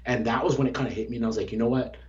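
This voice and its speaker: A man's voice: mid-range voice, steady tone, rapid-fire, a little mellow. A young man, a former Olympic runner, talking earnestly and reflectively in a casual interview, often restarting his sentences. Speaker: former Olympic track athlete, guest. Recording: dull lo-fi sound.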